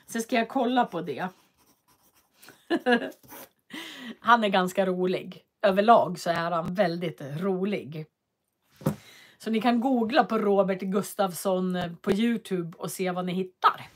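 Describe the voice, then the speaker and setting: A woman's voice: mid-range voice, pauses often. A woman hosting a casual livestream from her home office, chatting and reading out viewer comments with frequent hesitations. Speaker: livestream host.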